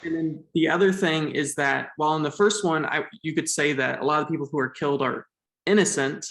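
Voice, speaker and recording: A man's voice: on the high side, steady tone, a little fast, fairly bright tone. A man thoughtfully analyzing a film's themes in casual conversation, thinking aloud with fillers. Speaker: podcast co-host. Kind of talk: casual film discussion. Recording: echoey room.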